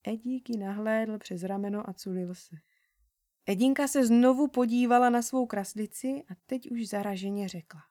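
A woman reading a children's story aloud in a gentle, unhurried narrating voice. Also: on the high side, dry recording, clean studio sound.

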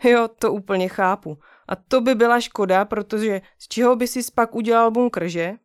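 A patient, kindly father speaks in a calm, soothing way, asking questions to draw out his child's feelings, as a woman reading a storybook puts him on. The voice sits a little high, in a dry, close recording with no room sound. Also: clear, resonant tone, dry recording, lightly acted. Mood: gentle. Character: gentle patient young father comforting son.

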